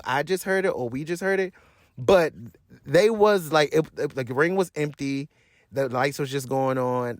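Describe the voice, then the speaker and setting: A man's voice: fairly high pitch, no room sound, clean studio sound. A man hosting a wrestling review show, ranting bluntly and swearing freely in casual, slangy talk with rambling asides. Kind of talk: casual profane rant.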